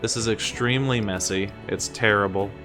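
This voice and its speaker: A man's voice: on the low side, steady tone, moderate pace. A man from the US giving a casual explainer, talking conversationally and asking exasperated rhetorical questions that he often answers himself. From United States. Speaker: streamer and teacher giving presentation tips. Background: music.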